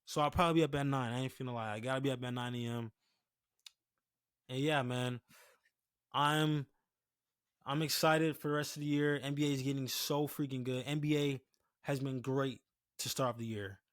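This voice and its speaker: A man's voice: mid-range voice, fairly even intonation, moderate pace, long pauses, no room sound, clean studio sound. Young dude talking sports on his pod late at night, retainers in so a slight lisp, cotton mouth, chill slangy talk, no room sound. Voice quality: slightly lisping, wearing retainers. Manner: laid-back slangy talk with repeated catchphrases. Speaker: sports podcast host. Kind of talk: casual solo sports podcast talk.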